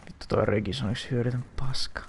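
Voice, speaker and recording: A young man ranting through a video game, loud and exasperated, swearing constantly. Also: mid-range voice, fairly even intonation, gravelly, a little hiss or hum. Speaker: gaming YouTuber.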